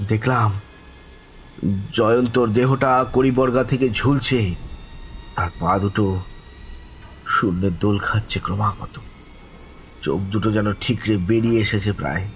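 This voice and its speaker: A man with a lowish voice, heard through poor audio, plays a terrified, distraught survivor recounting a haunting he lived through. His dramatized first-person horror narration is horrified in mood, halting and dramatic, with repeated words and desperate cries breaking through.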